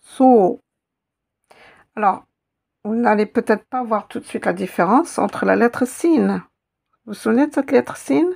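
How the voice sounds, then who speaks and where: A woman teaching an Arabic letter in a slow, step-by-step lesson, patiently repeating sounds for her students. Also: on the high side, gravelly, darkish tone.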